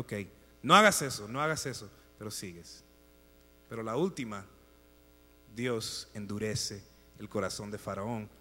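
A man preaching a sermon, emphatic, swinging between loud exhortation and hushed, quiet asides. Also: fairly low pitch. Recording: long reverb with mains hum.

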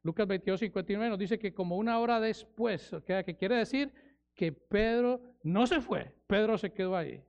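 A male preacher with a high, gravelly voice delivers an expository sermon. He is dramatic, slows right down on key words and acts out the quoted lines. The recording sounds dull and lo-fi. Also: darkish tone.

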